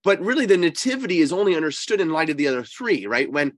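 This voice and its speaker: A man's voice: a little high, sing-song, fast talker, no room sound, studio quality. Wheezy, congested man teaching about faith. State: congested and slightly wheezy with a cold. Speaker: priest and co-host. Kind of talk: conversational religious teaching.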